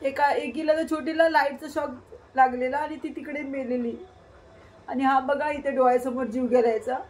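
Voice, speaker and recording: Woman, high voice, tearful, cooing, casual vlog, soft sing-song. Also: fairly even intonation, normal speed, low-quality recording. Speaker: vlogger. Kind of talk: casual vlog talking to viewers and her child.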